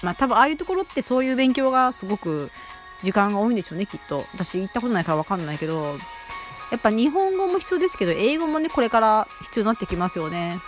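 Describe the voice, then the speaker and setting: A woman's voice: on the high side, very animated, fast, faint music behind. A woman hosting her own casual solo talk show on a radio app, chatting in a rambling, self-deprecating way with many fillers. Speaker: amateur radio-app host.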